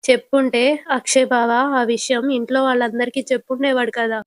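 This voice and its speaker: A woman's voice: on the high side, level tone, a little fast, no room sound, lightly acted. A woman voicing a resentful young woman who plots to split a couple. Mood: scheming. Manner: scheming, resentful. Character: scheming young woman plotting against a couple.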